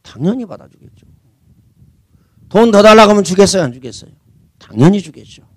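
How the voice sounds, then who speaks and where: A man's voice: high voice, lively intonation, brisk, dry recording. A man preaching a sermon as senior pastor, talking conversationally and asking rhetorical questions.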